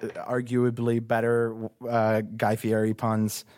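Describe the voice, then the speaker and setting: A man's voice: mid-range voice, completely flat delivery, unhurried, a little mellow, smooth. A man playing in a tabletop game podcast, chatting casually.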